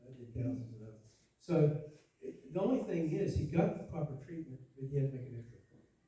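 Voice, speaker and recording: Older male physician, dark tone, relaxed rambling delivery, distant mic. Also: medium pitch, a little fast. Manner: rambling, conversational, many restarts. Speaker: orthopedic doctor. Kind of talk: community health presentation. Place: large echoey room. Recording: echoey room from far off.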